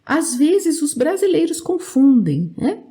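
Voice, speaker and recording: A woman with a Brazilian Portuguese accent teaching a language lesson, speaking clearly and drilling verb forms for learners to repeat. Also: high-pitched, very animated, slow, mellow.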